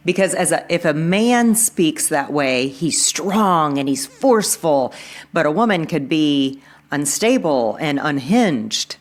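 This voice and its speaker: A woman's voice: deep voice, lively intonation, slow pace. A woman in casual conversation who asks questions and reacts with short exclamations. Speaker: podcast co-host.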